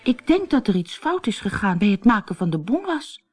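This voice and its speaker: A woman voicing an eager little girl who is an apprentice witch, speaking in a high, pleading way in a storybook reading. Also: fairly quick, mellow, soft background music, close to an everyday voice.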